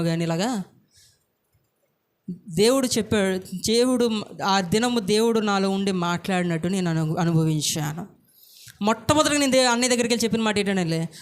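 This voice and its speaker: A male pastor, telling his own story in an earnest sermon and voicing the people in it. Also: sits high. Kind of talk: sermon testimony.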